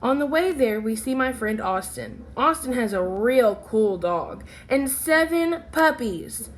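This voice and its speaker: Reading aloud from a children's picture book, a woman whose voice sits on the high side brings the story to life with animated, expressive, deliberate narration.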